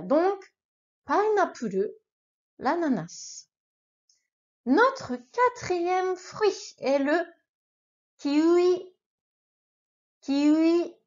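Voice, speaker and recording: Recorded with dull audio, this high-voiced woman teaches beginners a language. Patient and encouraging, she runs repeat-after-me practice, addresses the learner casually, and offers plenty of cheering.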